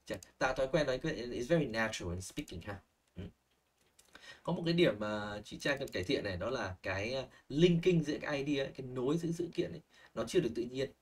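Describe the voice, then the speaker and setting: Brief: young male language teacher on a video call, lively and coaching, a little far from the mic, typing heard. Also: medium pitch, fast. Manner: animated, models phrases, checks in with "ok?" and "chưa?". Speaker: IELTS speaking teacher. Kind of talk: online lesson feedback, mixing Vietnamese and English.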